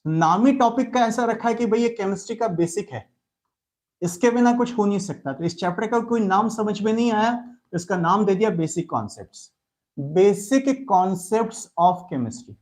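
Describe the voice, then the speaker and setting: Fatherly Indian chemistry teacher, mellow tone. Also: sits high, fairly quick. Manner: fatherly, calls students "beta", answers chat messages. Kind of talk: live online class lecture.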